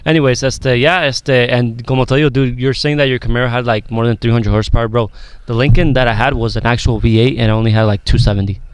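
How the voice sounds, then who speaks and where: A man's voice: medium pitch, steady tone, fast talker, clear, resonant tone, no echo. A man guesting on a podcast in casual chat, easygoing, slipping Spanish fillers into his English.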